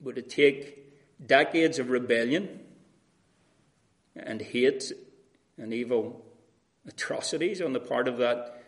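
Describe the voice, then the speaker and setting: A man preaching an earnest, conversational sermon, often restarting his phrases. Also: on the high side.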